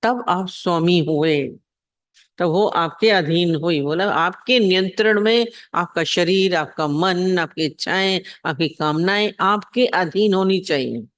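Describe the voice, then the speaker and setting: A man's voice: high-pitched, unhurried, fairly bright tone, no room sound, studio quality. A man giving a devotional discourse on scripture as a spiritual teacher. He repeats his points and asks his listeners rhetorical questions.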